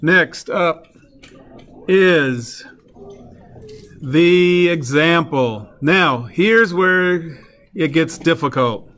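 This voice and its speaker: A man's voice: on the high side, very slow, pauses often, fairly bright tone. A man teaching a chemistry class, working through a problem step by step and asking the students questions as he goes. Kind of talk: classroom lecture.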